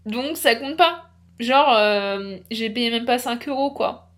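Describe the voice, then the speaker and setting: A chatty young woman with a slightly high voice, rambling casually to camera in a book vlog. She talks loosely, with lots of fillers and restarts. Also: expressive, slow, fairly bright tone. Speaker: book vlogger.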